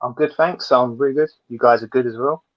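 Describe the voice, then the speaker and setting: A man's voice: medium pitch, brisk, highs cut off. A man, a guest on a live toy podcast stream, chatting casually and laughing easily.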